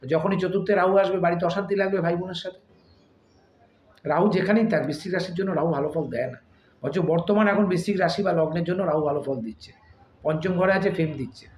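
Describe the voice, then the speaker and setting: Male astrology host, high voice, slow and emphatic, repeats himself, asks rhetorical questions; roomy echo, faint background noise. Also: a little mellow. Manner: slow, deliberate speech. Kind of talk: astrology talk to camera.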